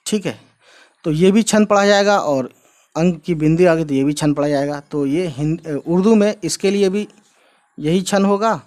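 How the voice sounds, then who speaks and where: A man's voice: fairly high pitch, darkish tone. Chatty man teaching Urdu script. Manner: explains step by step, repeating each sound and using many fillers; mixes in English phrases. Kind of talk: casual whiteboard lesson.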